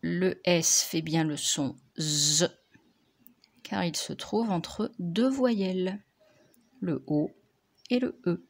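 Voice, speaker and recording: A woman teacher, slowly dictating and correcting spelling words for young pupils, articulating each word carefully. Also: lowish voice, vocal fry, a little mellow. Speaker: primary school teacher.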